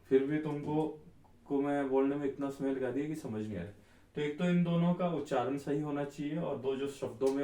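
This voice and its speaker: A man teaching an Ayurveda class, explaining slowly and repeating the key terms. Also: mid-range voice, mellow, far from the mic. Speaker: Ayurveda tutor. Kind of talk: classroom lecture. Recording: echoey room, voice off-mic.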